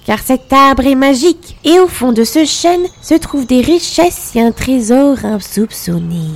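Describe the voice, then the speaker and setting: A woman's voice: high voice, lively intonation, a little slow, voice pushed up, heavily acted. A woman putting on a whiny, sly old crone. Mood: wheedling. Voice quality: whiny, slightly grating. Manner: sly and cackling. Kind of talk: storybook reading.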